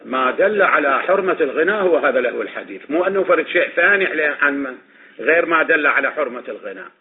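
A man's voice: on the high side, lively intonation, fast talker. A man with an Iraqi Arabic accent teaching a classroom lecture on religious legal reasoning, posing questions and answering them himself, repeating his points. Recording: tinny phone-like recording with faint noise.

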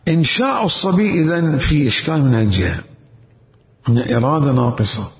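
Gravelly-voiced man lecturing in a hall. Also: on the high side, expressive, fairly quick. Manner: lecturing with rhetorical questions and emphatic repetition. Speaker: seminary teacher. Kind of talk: Islamic jurisprudence lecture. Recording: echoey hall, dull lo-fi sound.

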